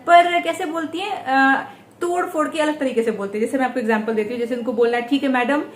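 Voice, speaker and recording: A young woman with a high voice chatting casually for a home vlog. She talks quickly and fluently, in an echoey room with faint background noise. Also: fairly even intonation. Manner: chatty and quick, mimics others' speech. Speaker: vlogger. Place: indoor home.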